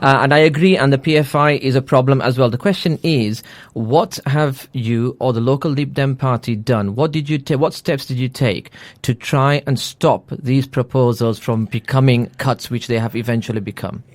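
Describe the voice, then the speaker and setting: A man's voice: medium pitch, normal speed, few pauses, no room sound. Male radio host, studio, dry close sound, persistent questioning, hesitant fillers. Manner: pressing, repeats the question, fills with uh and sorry. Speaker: radio interviewer. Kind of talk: probing political interview.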